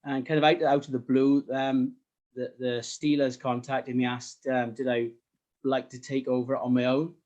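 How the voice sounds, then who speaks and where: A middle-aged man speaks in a South Wales Valleys accent at an ordinary, medium pitch. He chats casually as an interview guest, modest and a little hesitant in how he puts things. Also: flat delivery, normal speed, darkish tone, dull audio. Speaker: podcast guest, sports graphic designer.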